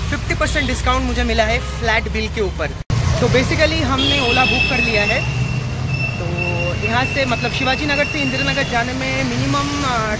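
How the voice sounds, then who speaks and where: The audio is very noisy, with loud music and crowd chatter from a crowded brewery restaurant. Holding his phone camera, a thirty-something food vlogger with an extremely high-pitched voice reads through the menu in mixed Hindi and English for a casual vlog.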